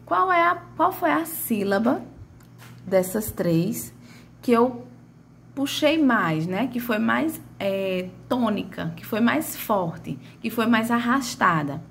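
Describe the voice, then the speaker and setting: Woman teacher, slow and sing-song, drawn-out example words. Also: on the high side, animated, creaky, a little hiss or hum. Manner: stretches out and calls out example words. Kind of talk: grammar lesson.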